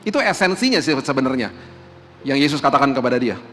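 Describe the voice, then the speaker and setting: A man's voice: medium pitch, sing-song, quick pace, a bit bright. A middle-aged male pastor preaching a sermon in a casual, conversational way, acting out the voices of the people he quotes. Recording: long hall reverb, faint background noise.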